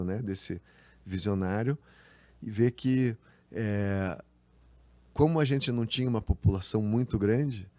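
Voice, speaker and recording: Male co-host, warm low voice, dry sound, unhurried history chat with fillers. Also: no room sound. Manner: hesitant, with restarts and fillers. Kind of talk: casual history chat show.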